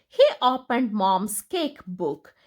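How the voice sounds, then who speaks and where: Her medium-pitched voice carries a picture book read aloud for young kids, each line delivered with expressive, unhurried care.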